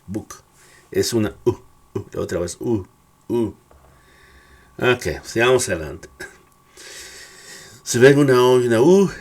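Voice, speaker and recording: Casting: low, husky man, native Spanish speaker, patient English teacher drilling sounds. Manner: slow, repeats words patiently, drills sounds aloud. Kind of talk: casual spoken lesson.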